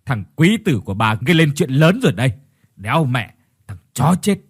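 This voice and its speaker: A man's voice: on the high side, big pitch swings, a little fast, husky, heavily acted. Man doing a cursing, furious old father. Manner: shouting, harsh, swearing.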